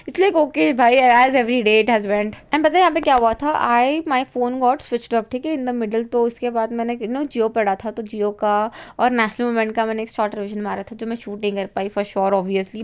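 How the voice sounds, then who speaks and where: Teen girl w indian accent rambling casually abt her studies, bit high pitched. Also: highs cut off. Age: teens. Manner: chatty, mixing Hindi and English, self-mocking. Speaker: student vlogger. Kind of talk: casual study vlog chat.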